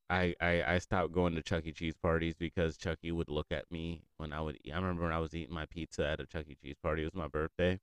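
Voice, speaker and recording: Casual young man, deep and smooth, rambling, swears freely and laughs often. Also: flat delivery, fairly quick, no room sound, clean studio sound. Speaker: friend catching up. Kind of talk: casual chat.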